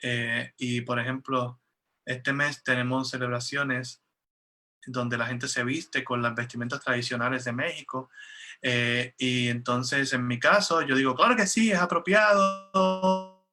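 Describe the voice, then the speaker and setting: Guy voicing an interpreted video chat, bright voice, lots of ums and restarts. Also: medium pitch, steady tone, a little slow, soft background music. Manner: conversational, with frequent fillers and restarts. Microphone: video call.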